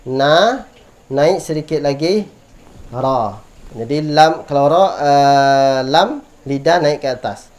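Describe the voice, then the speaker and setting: Indonesian man, fairly high voice, slow deliberate tajweed teacher drilling letter sounds. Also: darkish tone. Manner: patient, repeats sounds slowly for students to copy. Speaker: Quran recitation teacher.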